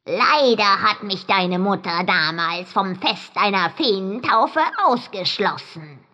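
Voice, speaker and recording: A woman voicing a vengeful, spiteful female fog fairy with a clanking, metallic, robot-like voice, speaking slowly and coldly. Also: medium pitch, expressive, sharp tone, pitched above the performer's own voice, full character voice. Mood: cold, mocking. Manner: slow, cold and mocking.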